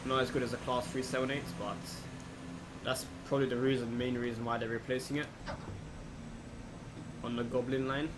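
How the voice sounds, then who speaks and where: This man's medium-pitched voice moves at normal speed with frequent pauses as he thinks aloud. He's a gaming video host doing casual, unscripted let's play commentary, recorded clearly over a steady air-conditioning-like hum.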